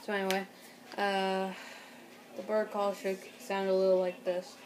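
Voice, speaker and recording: Young woman, slow pace, halting and rambling, casual tutorial host, noisy amateur home recording. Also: medium pitch, flat delivery, a little mellow. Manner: halting, rambling delivery with throat clearing. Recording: noticeable background noise, amateur home recording.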